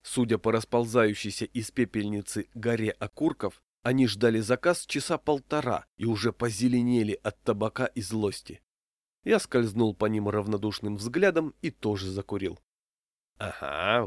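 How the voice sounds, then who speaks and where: Man, low voice, wry deadpan humorous reading, dry close sound. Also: normal speed, dry recording. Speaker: reader. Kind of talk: reading a humorous story aloud.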